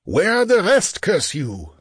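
A man's voice: sits high, wildly swooping pitch, measured pace, slightly rough, no echo, clean studio sound, pitched above the performer's own voice, heavily acted. A man voicing a cruel, mocking bandit chief with a scornful snarl in an audiobook reading. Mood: raging.

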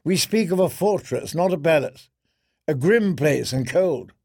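A man playing an earnest young commander who speaks with measured courtesy. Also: fairly high pitch, lively intonation, a little mellow, dry recording, studio quality.

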